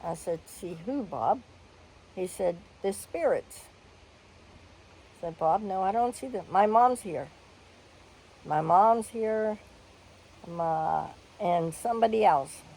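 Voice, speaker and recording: A woman's voice: on the low side, lively intonation, a little slow, mellow, husky, poor audio. An older woman telling a personal story in a candid, blunt way, with the odd cough and sigh.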